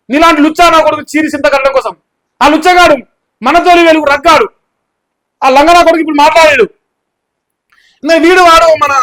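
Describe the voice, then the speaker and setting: A man with a Telangana Telugu accent tears into his opponents in a furious political rant. His voice sits unusually high and strained. He hurls insults in a heated, shouting delivery. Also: rough recording. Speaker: YouTube news channel journalist.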